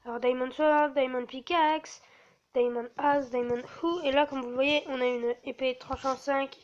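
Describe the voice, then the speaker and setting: A woman's voice: high-pitched, fairly even intonation, normal speed. A woman casually walking viewers through a game server, hesitant and full of fillers. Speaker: gamer showing a server. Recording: dull lo-fi mic with faint hiss.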